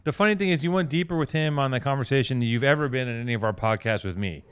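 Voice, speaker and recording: A man's voice: mid-range voice, rapid-fire, smooth. A man co-hosting a podcast, teasing and swearing in exasperated casual banter. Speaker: podcast co-host.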